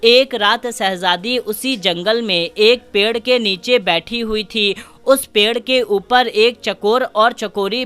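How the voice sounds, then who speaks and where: A woman narrating a scripted fairy tale in a steady storytelling manner. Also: medium pitch, clear, resonant tone.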